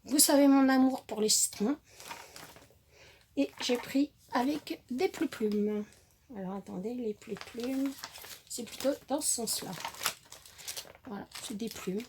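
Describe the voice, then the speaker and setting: A woman's voice: fairly high pitch, slow, pauses often, darkish tone, slight background noise. A woman chatting casually while showing off a craft-supply haul, hesitant with many fillers and self-corrections. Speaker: crafting vlogger.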